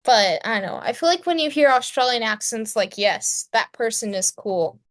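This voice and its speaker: A young woman with a slight Southern US accent co-hosting a casual podcast. Her voice sits a little high, and she keeps the conversation moving in a friendly way. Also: lively intonation, normal speed. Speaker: podcast co-host.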